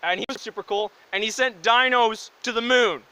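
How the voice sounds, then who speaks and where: A man's voice: very high voice, normal speed, heavy background noise. A man co-hosting a casual podcast chat with his brothers, upbeat and joking, rambling with enthusiasm and an uneven pace. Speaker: podcast co-host.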